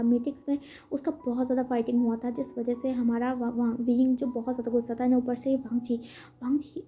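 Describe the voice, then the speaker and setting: A woman's voice: on the high side, mellow, dull audio. A woman casually retelling a story, chatty and full of fillers, mixing in English words.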